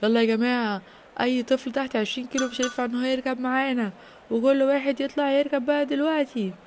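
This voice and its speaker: Brief: woman doing a calming male race official, Egyptian Arabic, quick and lowered. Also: a little hiss or hum, lightly acted. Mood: reassuring. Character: male sled race organizer, reassuring. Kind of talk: toy play storytelling.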